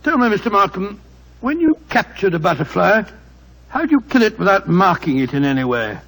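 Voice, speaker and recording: A courteous British doctor in a vintage radio mystery. His voice is high for a man and rather husky. He is genial and a little fussy, murmuring polite phrases twice over. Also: sing-song, fairly quick, fairly bright tone, heavily acted, low-quality recording. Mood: curious, apologetic. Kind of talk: old-time radio drama acting.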